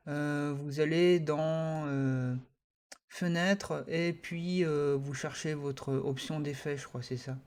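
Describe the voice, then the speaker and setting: Voici un homme qui enseigne un logiciel dans un tutoriel enregistré sur écran. Sa voix est légèrement aiguë pour un homme. Il a un français, il hésite souvent et il décrit chaque clic au fur et à mesure. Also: male voice, a little high, fairly even intonation, slow, darkish tone, smooth. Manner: hesitant, many fillers, talks through each click. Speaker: software tutorial teacher. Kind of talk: screen-recorded software tutorial.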